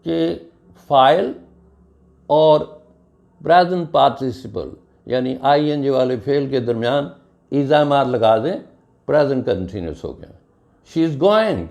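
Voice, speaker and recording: A man with a Pakistani accent teaching English grammar and spelling out each word letter by letter. His delivery is slow and deliberate, with a gravelly edge to his voice. His pitch sits fairly high and moves lively up and down. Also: lo-fi sound. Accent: Urdu-flavored Pakistani English. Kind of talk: grammar lesson.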